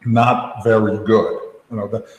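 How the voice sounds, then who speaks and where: A man's voice: on the low side, flat delivery, measured pace. Male podcast co-host, rambling and chatty, mid-range voice, recorded in a roomy space with long reverb. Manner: rambling, full of restarts and "you know". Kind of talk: casual tech podcast chat. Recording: echoey room with long reverb.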